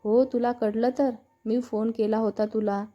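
Storybook young man, hurt and sharp, voiced by a woman narrator, higher pitch. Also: little pitch movement, a little slow, lightly acted. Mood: angry. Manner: irritated, reproachful. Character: young man, lover, quick-tempered but tender. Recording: dull lo-fi narration with faint music.

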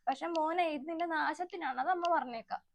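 A woman's voice: high-pitched, fast, creaky, slight background noise. A woman voicing a self-pitying, nagging older mother-in-law who complains and accuses, in a comedic family skit. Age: 60s. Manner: whiny, accusing, theatrical complaining.

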